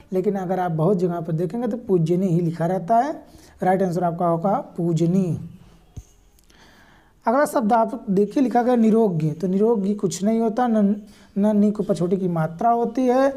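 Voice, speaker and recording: In a mellow, medium-pitched voice, a woman prepares viewers for an exam with a spelling lesson. She addresses them directly, patiently explaining every word and repeating the correct answers in a repetitive, explanatory style.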